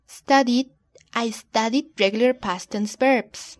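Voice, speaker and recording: A woman co-hosting an English lesson, reading model answers in a careful, deliberate way. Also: a little high. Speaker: co-host answering the teacher's questions. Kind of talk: scripted bilingual lesson dialogue.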